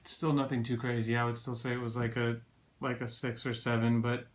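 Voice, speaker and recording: Even-toned man giving a casual vlog update. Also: medium pitch, fairly quick, slight background noise. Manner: rambling, conversational explaining. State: recovering from tonsillectomy, sore throat. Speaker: video blogger.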